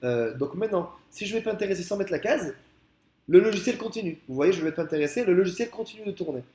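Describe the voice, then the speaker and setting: A man talking through a software tutorial in a casual, explanatory way, with many fillers and restarts, speaking into a headset. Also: high voice, expressive, fast talker, reverberant. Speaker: software trainer. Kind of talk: screen-recorded software tutorial.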